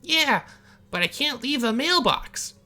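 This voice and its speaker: A man's voice: very high voice, big pitch swings, slow, bright, forceful tone, pitched above the performer's own voice, full character voice. Chirpy oddball on a mailbox, voiced by a man. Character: odd cheerful man perched on a mailbox.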